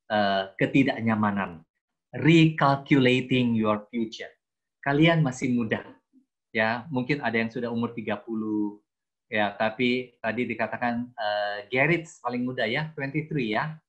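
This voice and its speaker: A man's voice: medium pitch, measured pace, lo-fi sound. Chatty Indonesian man in his sixties. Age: 60s. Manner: chatty, self-mocking, mixes in English. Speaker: guest speaker, theology teacher. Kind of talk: personal testimony to a youth group.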